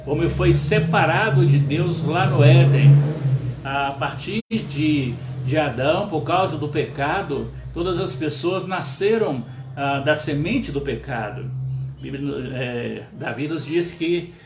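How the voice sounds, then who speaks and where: A male pastor delivering a sermon in an earnest, measured way, with frequent pauses and small "ah" fillers. His voice sits a bit high for a man and rings in a reverberant room, with a faint hum behind it. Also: animated.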